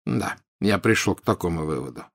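Brief: man voicing a deep-voiced, quiet, measured old headmaster wizard. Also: expressive, gravelly, exaggerated voice. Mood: grave. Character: calm wise old male headmaster wizard. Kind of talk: audiobook character voice.

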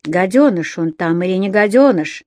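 A woman's voice: fairly low pitch, animated, moderate pace, a little mellow. A woman doing a fearless, stern robber's wife. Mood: angry command. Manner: firm, commanding.

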